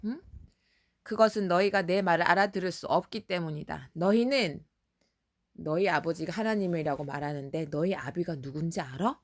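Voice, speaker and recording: A woman's voice: fairly low pitch, normal speed. A woman voicing a stern, solemn man who rebukes a crowd in a storybook retelling, firm and declaiming.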